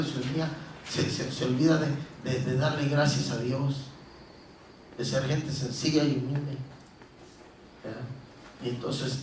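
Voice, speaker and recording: Middle-aged preacher, echoey hall. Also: male voice, a little high, slight background noise. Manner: storytelling preacher, animated, acts out pleading voices. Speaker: pastor. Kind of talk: sermon. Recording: roomy echo from a distance.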